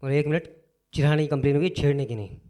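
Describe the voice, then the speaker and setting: Young male stand-up comic, mellow tone, casual animated storyteller who acts out dialogue. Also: on the high side, fast talker. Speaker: stand-up comedian. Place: live comedy stage.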